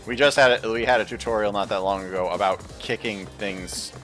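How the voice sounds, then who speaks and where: A man's voice: fairly low pitch, fairly quick, a bit bright, faint music behind. A man giving casual, informal gameplay commentary, reacting aloud as he plays. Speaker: gamer playing a story game.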